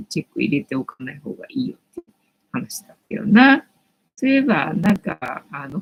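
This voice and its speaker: A woman's voice: on the low side, creaky, rough recording. A woman in her late forties hosting a casual late-night chat stream, rambling and thinking aloud with lots of fillers. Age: 40s. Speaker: live-stream host.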